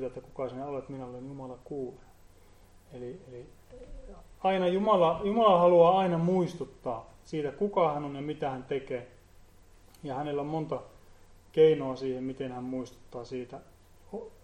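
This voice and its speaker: A man giving an earnest Bible teaching, often pausing and repeating words as he explains. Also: a little high, darkish tone, reverberant. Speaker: preacher.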